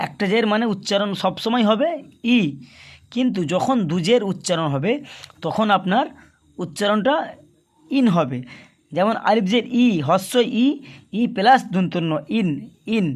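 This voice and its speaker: A man teaching Quran reading, patiently chanting letter drills and explaining each step to his viewers. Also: high-pitched. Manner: addresses viewers as dear friends, asks and answers their questions.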